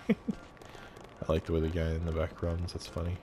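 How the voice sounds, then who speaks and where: Low-voiced man commenting on gameplay. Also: moderate pace, noisy background. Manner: relaxed, thinking aloud with fillers. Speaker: gameplay video host.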